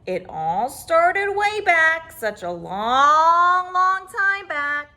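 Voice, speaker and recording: A woman reading a children's story aloud in an expressive, dramatic way, drawing out words for emphasis. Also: extremely high pitch, very slow.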